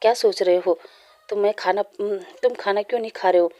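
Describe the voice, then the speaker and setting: A woman's voice: medium pitch, a little fast, warm tone, natural voice. A woman voicing a caring male friend who fusses over someone, in a read-aloud storybook, in her own plain reading voice. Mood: concerned.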